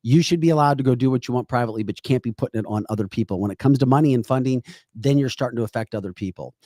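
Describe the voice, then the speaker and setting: Co-hosting a political talk podcast, this man speaks bluntly and emphatically at a racing pace, repeating points for effect. His voice is medium-pitched and dark-toned, captured in studio quality with no room sound.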